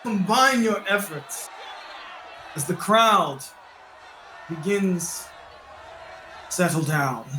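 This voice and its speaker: Man game master, high bright voice, animated narration, echoey room. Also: extremely slow, pauses often, a faint crowd, a little hiss or hum. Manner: animated storytelling.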